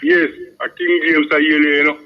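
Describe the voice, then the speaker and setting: A man's voice: a little high, big pitch swings, normal speed, creaky. A Jamaican man phoning a radio show, talking casually in rambling, insistent Rastafarian-style Patois and often adding 'you know'. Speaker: radio phone-in caller. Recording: dull lo-fi radio phone-in.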